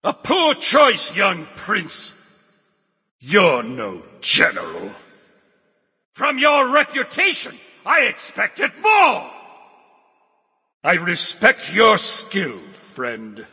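An arrogant king of the gods lords it over his foes in a video game. His voice is gravelly yet very bright, slow and commanding, with long reverb behind it. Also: high-pitched, wildly swooping pitch, exaggerated voice. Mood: pompous. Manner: pompous, commanding. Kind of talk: video game taunt voice acting.

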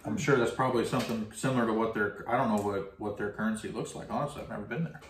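Relaxed man tasting snacks at home. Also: lowish voice, fast talker. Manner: relaxed, reads package text aloud. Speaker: snack reviewer, co-host. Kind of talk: casual snack-tasting chat. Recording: echoey room, faint noise.

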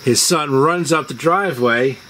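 Out on a house porch as dusk falls, a man hosting a video recounts personal stories casually in a bright, forceful, rather high voice at a moderate pace. The outdoor noise includes chirping crickets and insects.

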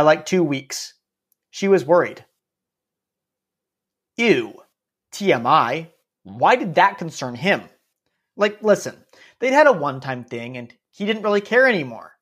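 A man narrating a story podcast in a casual, snarky way, dropping wry asides as he goes. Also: fairly high pitch.

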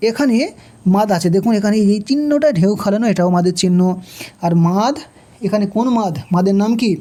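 A Quran reading teacher talks through a recitation lesson in a mellow, soft-edged voice at a mid pitch. Letters and vowel marks are spelled out slowly and each rule is repeated patiently.

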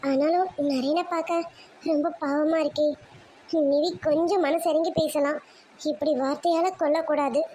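A woman voicing a sympathetic female friend in a cartoon drama, soft-spoken and timid. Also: high voice, fairly even intonation, moderate pace, slight background noise, natural voice. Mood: worried.

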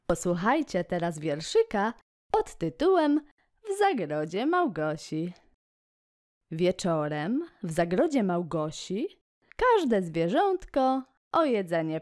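A woman hosting a children's educational video, speaking slowly and encouragingly in a sing-song way. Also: lowish voice, a little mellow.

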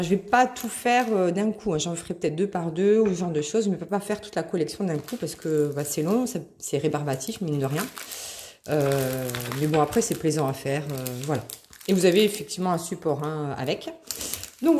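Her voice sits on the low side with a darkish tone, and there's a little hiss or hum in the recording. This craft vlogger casually shows off what she bought for crafting, stumbling through fillers and raving about how cute things are.

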